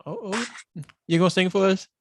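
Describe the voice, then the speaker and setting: A man's voice: high voice, fairly quick. A man hosting a casual group podcast interview, talking in a slangy, laid-back way and laughing easily. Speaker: podcast host.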